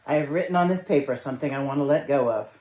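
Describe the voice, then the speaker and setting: Low-voiced woman minister, conversational. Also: racing. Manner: conversational storytelling, gently instructive. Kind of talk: sermon.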